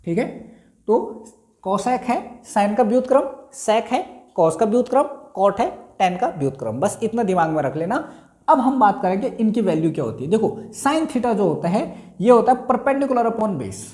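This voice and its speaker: Male maths tutor, animated delivery, drills terms by repetition, echoey room. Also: high voice. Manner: repeats key terms slowly, quizzing himself aloud. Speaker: maths teacher. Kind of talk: classroom lesson at a board. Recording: roomy echo.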